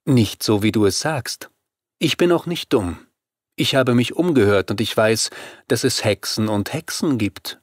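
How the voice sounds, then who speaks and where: A man voicing a scornful female vampire queen who speaks calmly and mockingly in an audiobook. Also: medium pitch, measured pace, no room sound, studio quality.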